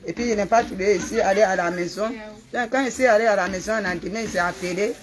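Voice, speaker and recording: A woman's voice: mid-range voice, fast talker, a little hiss or hum. Woman giving a simple testimony. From Ivory Coast. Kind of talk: spoken testimony. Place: church gathering.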